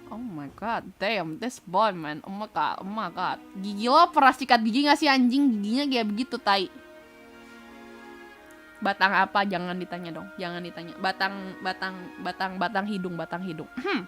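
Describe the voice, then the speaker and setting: A woman's voice: medium pitch, normal speed, faint music behind. A woman with an Indonesian accent, reading a visual novel aloud on a stream and reacting expressively. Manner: expressive, breaks off into sweary reactions.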